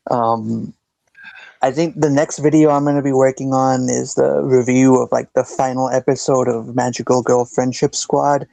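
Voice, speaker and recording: Flat, gravelly, hesitant man. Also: mid-range voice, moderate pace, dry recording. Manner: hesitant, many fillers. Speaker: guest, cartoon reviewer. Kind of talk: casual podcast chat.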